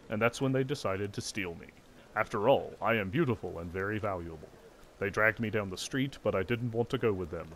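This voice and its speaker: A man's voice: on the low side, a little hiss or hum, lightly acted, low-quality recording. A man doing a staccato clockwork golem. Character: vain cheerful male gem golem automaton. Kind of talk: reading game dialogue aloud.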